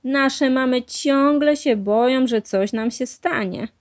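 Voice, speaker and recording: A woman reading a storybook aloud, voicing a boisterous young boy who lively calls out challenges to his friends. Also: high voice, slow pace, voice pushed up.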